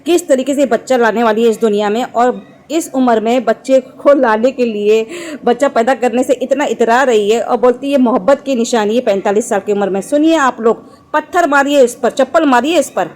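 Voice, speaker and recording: A woman's voice: a little high, normal speed, a little mellow. A woman vlogger delivering an angry reaction commentary, scolding and mocking with insults.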